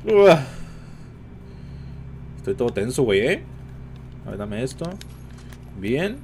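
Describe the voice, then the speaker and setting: A man with a Mexican Spanish accent streams a game, chatting to viewers nonstop in casual commentary. He swings from low mutters to sudden high-pitched exclamations, with his voice sitting at a middling pitch. A faint hiss of noise sits under his voice. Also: big pitch swings, moderate pace, darkish tone. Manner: chatty, addresses viewers constantly. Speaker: gaming streamer.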